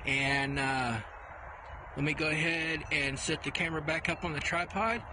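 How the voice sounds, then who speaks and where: This casual how-to vlog features an easygoing older man whose slightly high voice moves at a moderate pace, often repeating "really, really" and filling gaps with "uh." Filmed outdoors on a tripod and handheld, it has wind in the background and wind noise on his clip-on mic.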